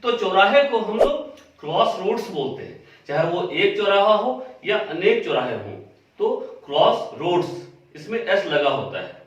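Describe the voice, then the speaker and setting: A man's voice: high voice, very animated, unhurried, lo-fi sound. A man giving a patient lesson on English grammar, explaining with everyday examples and repeating the key words. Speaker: English teacher. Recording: very echoey room, voice from a distance.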